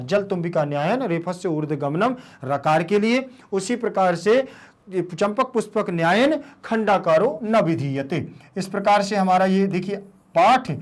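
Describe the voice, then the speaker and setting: A man teaching Sanskrit grammar. He keeps asking his students questions and draws out the Sanskrit terms slowly. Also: sits high. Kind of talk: board lesson explanation.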